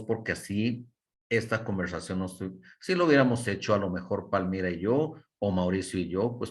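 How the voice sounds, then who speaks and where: Man teaching English by video call. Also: low-pitched. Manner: coaching, mixes Spanish and English, models intonation. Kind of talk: online class feedback.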